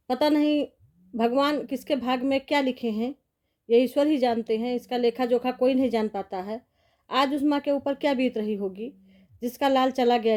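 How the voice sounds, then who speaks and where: Middle-aged woman, casual vlog commentary, high mellow voice, sympathetic rambling. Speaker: vlogger.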